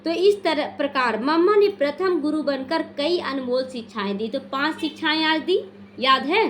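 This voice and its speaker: A woman giving a devotional teaching talk, explaining point by point with an earnest, gently exhorting manner and quizzing her listeners. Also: high-pitched, animated, normal speed, a little hiss or hum. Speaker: spiritual teacher.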